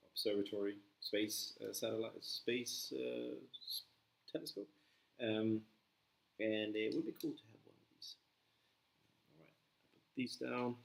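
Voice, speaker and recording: A Swedish man with a Swedish accent hosts a live stream while building a model kit, chatting casually with viewers, rambling and answering comments. His voice is lowish and gravelly, and the low-quality recording has a roomy sound.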